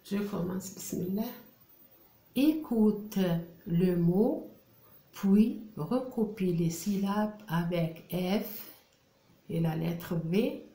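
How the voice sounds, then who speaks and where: A woman teacher, slowly drilling French syllables for young children and repeating each one. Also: medium pitch, warm tone. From Algeria. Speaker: primary school French teacher. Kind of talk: reading lesson for young children. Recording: roomy echo.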